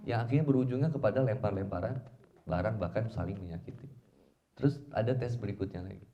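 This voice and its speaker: A low, gravelly male voice with a mellow, dark tone gives an informal Islamic study talk. He chats in slang with the audience, tells personal stories and slips into acted-out quoted dialogue. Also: fast, a little hiss or hum. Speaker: Islamic preacher.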